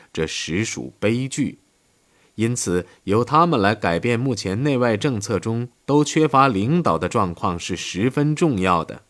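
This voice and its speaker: A man reading a history audiobook in a steady scripted narration, lifting his voice for quoted speech. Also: lowish voice.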